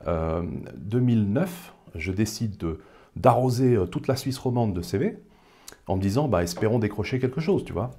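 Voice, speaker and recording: A man's voice: lowish voice, animated, moderate pace, mellow, husky. A man in his thirties, from the Paris suburbs, talking casually as an interview guest, thoughtful, with many hesitations. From Paris suburbs, France. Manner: thoughtful, hesitant with frequent fillers.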